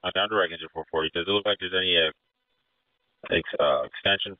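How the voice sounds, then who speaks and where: A man acting as incident commander, giving brisk orders over a two-way radio. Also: low voice, dry recording. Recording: narrow phone-like radio channel.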